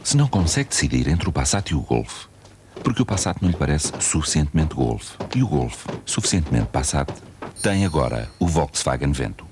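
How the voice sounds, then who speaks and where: A man reading a car commercial voice-over in a calm, measured, slightly wry way. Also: very deep voice. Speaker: announcer. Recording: noisy VHS broadcast audio.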